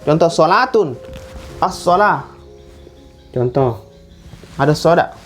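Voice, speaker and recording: Slow, patient male Quran teacher. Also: on the high side, expressive, a bit bright, faint music behind. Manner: repeats words slowly and drawn out to demonstrate pronunciation. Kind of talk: classroom lesson.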